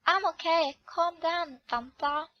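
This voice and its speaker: A woman's voice: very high voice, takes it slowly, dry recording, lo-fi sound. A woman reading the lines of an arrogant, rude young foreign prince from a romance game, speaking with haughty insults.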